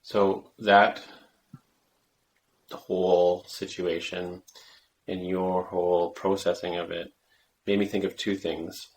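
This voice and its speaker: A man co-hosting a podcast, speaking in a measured, thoughtful way. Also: sits low, flat delivery. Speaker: podcast co-host. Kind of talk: casual conversational podcast.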